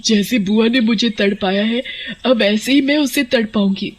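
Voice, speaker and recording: A woman voicing a vengeful young female witch ghost in a cartoon, with a husky, bitter, menacing way of talking. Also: fairly high pitch, normal speed.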